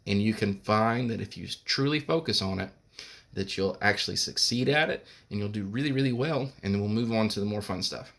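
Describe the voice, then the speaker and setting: A man's voice: fairly low pitch, brisk, creaky, a bit bright. A man teaching a recorded music lesson. He talks patiently, explains each step and sings solfege syllables.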